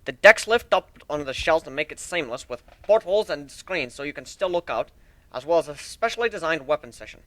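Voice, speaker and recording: In a dramatic fan fiction reading, a man plays a hearty, boastful minotaur airship builder with a brash, folksy manner, bragging as he explains. His voice is a little high, expressive and brisk, pushed up, pushed and bright.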